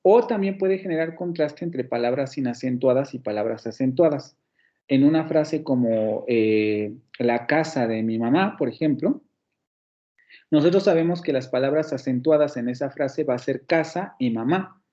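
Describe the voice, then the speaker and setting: A man's voice: mid-range voice, moderate pace, mellow, lo-fi sound. Mexican man teaching a phonetics class. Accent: Mexican Spanish. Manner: explanatory, frequent restarts and checks with "¿vale?". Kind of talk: online class lecture.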